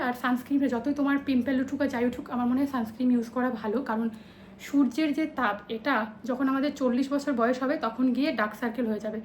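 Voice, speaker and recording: A woman's voice: sits high, a little mellow, a little hiss or hum, poor audio. A young woman chatting away casually in a home vlog, a mother rambling through her day. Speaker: vlogger and mother. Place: at home, indoors.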